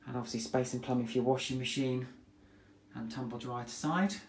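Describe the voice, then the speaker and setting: Filming on a handheld phone, an English estate agent gives a relaxed, chatty tour of a detached house for sale, inside and out in the back garden. His voice is medium-pitched and brisk, his sales talk plain, with a little hiss or hum on the recording.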